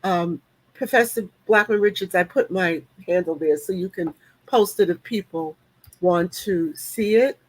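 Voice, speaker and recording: A woman's voice: on the low side, measured pace, rough recording. A woman in her late sixties, upbeat and chatty, speaking on a panel video call with frequent ums. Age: 60s. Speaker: panelist and leadership coach. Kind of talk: casual online panel talk.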